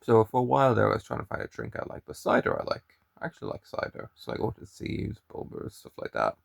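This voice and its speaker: A young man from Ireland with a mild Irish accent rambles and chats to camera in his daily vlog, often restarting his sentences. His lowish, creaky voice swoops wildly in pitch at a quick pace, recorded in clean studio sound with no echo.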